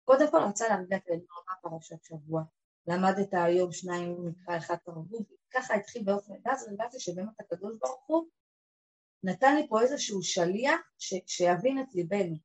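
A woman, telling an emotional personal story to a group and acting out the people in it. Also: low-quality recording. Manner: emotional, acts out quoted voices, lively swings of pitch and loudness.

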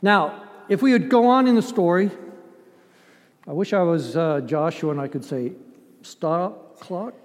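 This preacher, an older man who grew up in Ethiopia, has a high-pitched voice and keeps a measured pace. He sermonizes emphatically yet in a conversational way, adding dramatized asides and rhetorical questions, all echoing with long hall reverb.

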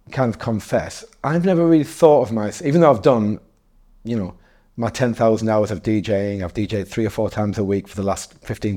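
A man's voice: medium pitch, mellow. A man in his forties talking as a guest in a casual interview, rambling and correcting himself, often breaking into laughs. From North East England.

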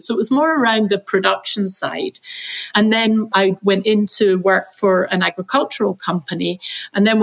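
Scottish woman, interview guest, thoughtful, pauses and restarts, mid pitch. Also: low-quality recording. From Scotland. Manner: reflective, with frequent fillers and restarts. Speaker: chief science officer, interview guest. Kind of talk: podcast interview.

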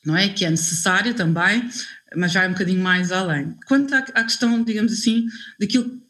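A woman's voice: medium pitch, brisk, fairly bright tone. Hesitant woman. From Angola. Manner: hesitant, searching for words with many fillers. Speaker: panel speaker. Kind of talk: panel discussion.

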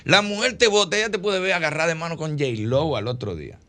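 A man's voice: a little high, lively intonation, a little fast, sharp tone. A man with a Dominican accent co-hosting a radio show, joking around and giving advice in casual studio banter. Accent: Dominican Spanish.

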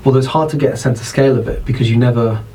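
A man with a British accent, narrating as dungeon master in an unhurried, descriptive way. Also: medium pitch, steady tone, mellow, a little hiss or hum, rough recording. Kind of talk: narrating a tabletop game.

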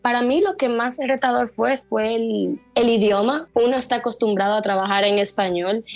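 A young adult woman from the Dominican Republic with a neutral Latin American Spanish accent, speaking as an actress guest in an interview in an earnest, animated way. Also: on the high side, moderate pace, dry recording, faint music behind. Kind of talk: casual interview talk.

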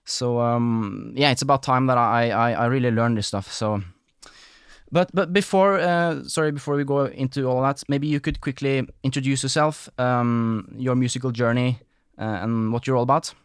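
This podcast host, a man from Norway, keeps the casual interview chat loose, wandering off track, apologizing, and leaning on fillers. He speaks in a smooth, steady mid-range voice at a moderate pace, and the studio-quality recording has no echo.

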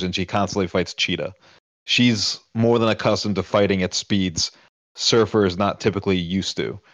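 A man's voice: sits low, a bit bright, no room sound. A man talking casually as a podcast panelist, giving his opinions in a discussion.

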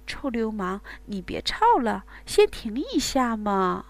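A woman's voice: a little high, very animated, takes it slowly, dry recording, full character voice. A woman doing a breathless, pleading young lover.

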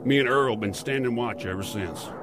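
A man playing a world-weary, middle-aged motel keeper who fights demons, gruff, folksy and terse, in a horror-comedy audio drama. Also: medium pitch, moderate pace, natural voice. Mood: weary, grim. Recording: clear background ambience noise.

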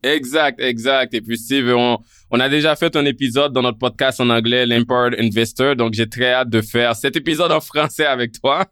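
A man in his thirties with a Creole-tinged French accent, hosting a podcast interview in an earnest way, often pausing on "euh". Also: mid-range voice, fairly even intonation, a bit bright, clean tone, dry recording, studio quality. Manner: earnest, with frequent "euh" fillers. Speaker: podcast host.

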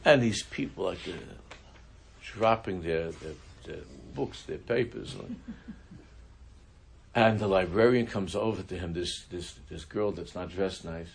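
A man teaching a religious class, telling a story in a halting way, often restarting his sentences. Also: low voice, gravelly, slight background noise. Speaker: Torah teacher.

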